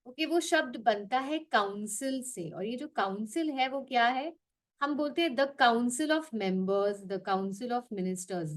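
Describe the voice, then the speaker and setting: An Indian-accented woman teaches English words to her viewers, her fairly high voice rising and falling with emphasis. She moves easily between Hindi and English as she explains. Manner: animated, code-switches between Hindi and English. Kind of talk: explaining vocabulary to the camera.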